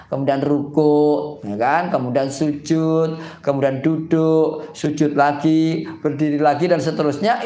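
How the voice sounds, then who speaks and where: A man's voice: high-pitched, echoey room. A man giving a casual, folksy religious talk as a preacher, joking often and asking his audience questions. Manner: folksy, joking, repeats "gitu kan". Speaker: Islamic preacher.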